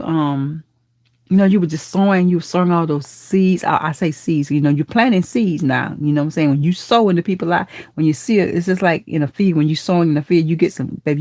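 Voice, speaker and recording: Woman host, live chat, fairly low pitch, dry sound, affectionate, churchy. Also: no echo. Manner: warm affectionate auntie talk, calls viewers baby and honey; churchy, speaks of God and blessings. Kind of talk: casual live chat reading comments.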